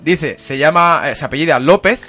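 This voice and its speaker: Bright-voiced podcast host, laughing. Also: male voice, fairly high pitch, fairly quick, faint music behind. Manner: laughs often, storytelling with fillers. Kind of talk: casual chat.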